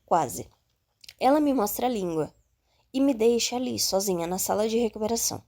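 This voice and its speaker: A woman reading a first-person audiobook in a calm, steady way. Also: fairly high pitch, normal speed. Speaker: audiobook narrator.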